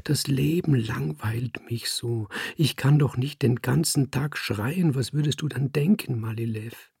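A man voicing a moody young woman who speaks in a soft, hushed, pleading way while reading a story aloud. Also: medium pitch, measured pace, vocal fry, breathy edge, dry recording, studio quality, pitched above the performer's own voice, heavily acted. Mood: pleading whisper.

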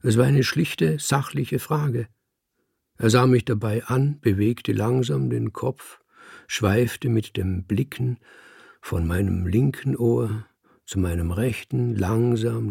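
Male audiobook narrator, calm and reflective, husky, dry close sound. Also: on the low side, slow, no echo.

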